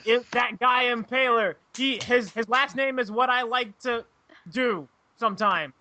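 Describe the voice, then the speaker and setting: A young man hosting a casual podcast, loud, crude and giggly as he introduces each guest. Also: very high-pitched, unhurried. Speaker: podcast host. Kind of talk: casual chat.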